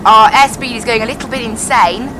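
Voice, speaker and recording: Speaking briskly in a fairly high voice over background noise, a woman flies a simulated airliner for her live stream. She chats casually into a pilot headset, explains each step, and often says "I have to be honest."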